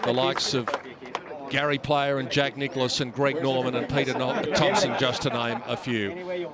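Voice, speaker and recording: A man working as a golf commentator, narrating tournament highlights. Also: fairly even intonation, moderate pace. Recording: crowd and outdoor noise behind. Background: loud golf crowd and outdoor ambience.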